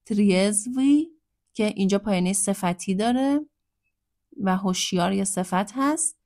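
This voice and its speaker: A woman gives a language lesson in a patient, explanatory way. She breaks down words and repeats phrases slowly for learners. Her voice sits at a middle pitch. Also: a little mellow, no echo, studio quality. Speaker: Russian language teacher.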